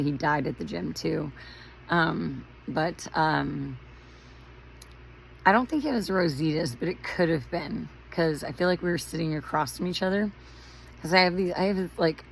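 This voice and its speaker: A woman with a hoarse, raspy voice from shouting, telling rambling stories in a chatty, casual vlog. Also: low-pitched, a little hiss or hum, low-quality recording. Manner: rambling, chatty, lots of fillers and tangents. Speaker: vlogger. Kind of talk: casual storytelling monologue.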